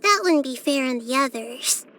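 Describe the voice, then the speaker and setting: Nahida, a high-voiced little girl deity. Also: animated. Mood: curious, playful. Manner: thoughtful, measured, softly earnest storyteller phrasing. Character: small wise young girl deity, gentle and curious. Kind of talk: scripted video game character voice lines.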